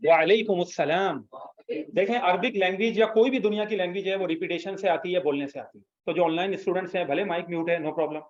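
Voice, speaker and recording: A man's voice: high voice, fast talker, hardly any pauses. Patient male Arabic teacher in echoey classroom. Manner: patient, explanatory, prompts students to repeat. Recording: echoey room, slightly dull sound.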